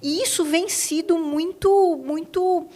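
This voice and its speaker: A Brazilian woman hosts a conversational podcast interview, talking emphatically and colloquially and often checking that her guest agrees. Her voice is very high-pitched and warm, with a steady tone and a slow pace.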